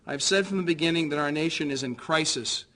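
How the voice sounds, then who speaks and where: An American man who is a political candidate delivers a prepared concession speech in a formal, measured, earnest way. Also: fairly high pitch, bright, forceful tone.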